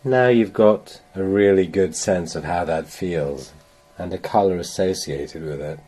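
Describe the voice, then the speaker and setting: This is a guided meditation of slow, calming instruction from a man whose voice is very low and dark. Gentle and very unhurried, he lets long pauses fall between measured phrases, his tone mellow and a little breathy.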